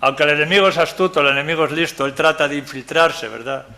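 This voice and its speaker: An older preacher with a gravelly, bright voice leads a Bible study. He talks in a chatty, joking way and keeps checking in with his listeners. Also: fairly high pitch, fairly even intonation, fast talker. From Galicia, Spain. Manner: conversational, keeps asking "¿verdad?", jokes with the audience. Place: church meeting room.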